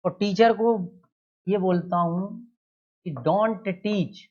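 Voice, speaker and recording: A male teacher giving an exam-prep grammar lesson, asking questions and then answering them himself, with key words stressed loudly. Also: high-pitched, fairly even intonation, drawn-out words, highs cut off.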